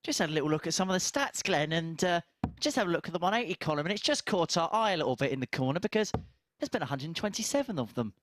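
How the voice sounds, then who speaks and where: Animated southern English male darts commentator. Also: a little high, fast. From southern England. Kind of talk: casual live sports commentary with banter.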